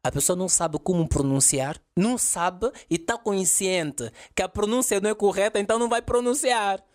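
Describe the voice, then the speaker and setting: A man's voice: high-pitched, normal speed. A man, an English teacher explaining emphatically in a podcast interview and dropping in English example phrases.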